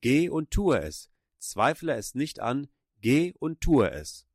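A man's voice: medium pitch, very animated, slow pace, darkish tone, dry recording, clean studio sound. A man preaching a sermon, retelling a story in an earnest manner and urging his listeners on with emphatic exhortations.

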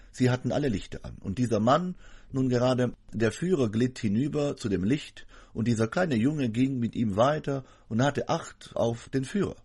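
Man for a sermon voice-over, earnest and emphatic, slightly husky, lively intonation. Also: mid-range voice. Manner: earnest, emphatic preaching address to a congregation. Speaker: preacher.

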